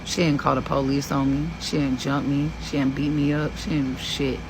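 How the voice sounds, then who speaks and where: A woman in her forties from Kentucky telling a story in a blunt, profane and animated way. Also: very deep voice, normal speed, background noise. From Kentucky, USA. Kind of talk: casual storytelling.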